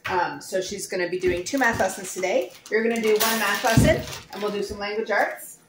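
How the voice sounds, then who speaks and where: A woman's voice: medium pitch, fairly quick, noisy background. A woman in her thirties from Nova Scotia, chatting easily as she vlogs her homeschool and homemaking day. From Nova Scotia, Canada. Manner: chatty, easygoing. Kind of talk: casual vlog narration.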